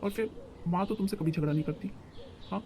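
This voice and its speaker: A man's voice: high voice, quick pace, dark tone. A man voicing an exasperated young husband in a cartoon story, reasoning with his frustrated wife.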